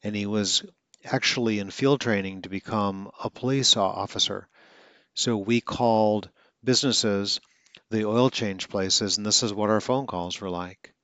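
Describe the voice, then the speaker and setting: A man from Atlanta, Georgia talks casually and earnestly as a speech coach, occasionally stuttering and correcting himself. His voice is low-ish, fairly bright, and unhurried, with no room sound.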